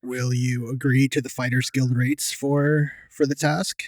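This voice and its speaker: A man's voice: medium pitch, level tone, unhurried, dry recording, close to an everyday voice. A man playing a proud Nord guild warrior. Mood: businesslike.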